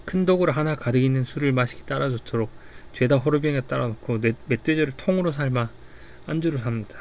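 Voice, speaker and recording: A man's voice: medium pitch, quick pace, highs cut off, a little hiss or hum. A man reading a comic aloud in an easygoing way for a sleep broadcast, with small slips and restarts. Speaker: storyteller.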